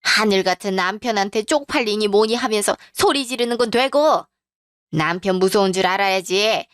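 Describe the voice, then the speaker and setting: A woman's voice: medium pitch, moderate pace, clear, resonant tone, no room sound, studio quality, natural voice. A woman voicing a domineering older mother-in-law who scolds harshly and commands. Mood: scolding.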